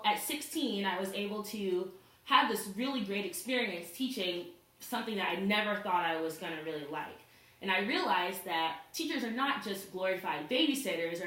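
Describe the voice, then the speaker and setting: A woman's voice: medium pitch, lively intonation, normal speed, a bit bright. A young woman, a student, giving a casual introduction speech to her class, with fillers like "like" and "you know". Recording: echoey room, mic far off.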